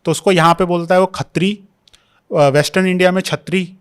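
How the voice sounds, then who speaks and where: A man's voice: high-pitched, fairly even intonation, racing, smooth. A young man, a history scholar who explains at length in a podcast interview, mixing English terms into his Hindi. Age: young adult.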